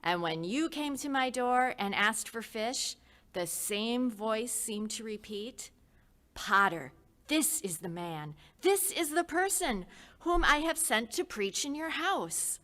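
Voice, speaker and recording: A woman voicing an earnest, devout older man who pleads slowly and insistently, like a preacher, in a dramatized history story. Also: fairly high pitch, lively intonation, a bit bright, pitched above the performer's own voice. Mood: awed. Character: fervent devout older male host, insistent. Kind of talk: storytelling reenactment.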